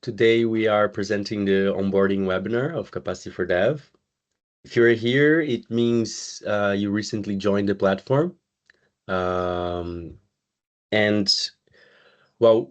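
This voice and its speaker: Low-voiced man hosting an online webinar. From Brazil. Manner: relaxed, conversational, pauses often with "uh" and "um". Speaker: community manager hosting a webinar. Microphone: video call. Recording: slightly muffled video call audio.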